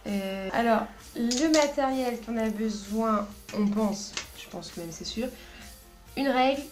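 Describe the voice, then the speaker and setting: A woman's voice: on the high side, slow, music in the background. A woman hosting a casual craft video, chatty and hesitant, with frequent fillers and giggles. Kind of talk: casual craft haul and tutorial chat.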